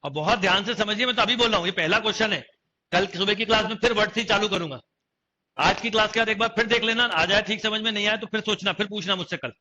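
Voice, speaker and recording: Bright, high-voiced man teaching maths. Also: fast talker. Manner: questioning students, repeating phrases. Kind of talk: online coaching class lecture. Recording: dull lo-fi class recording.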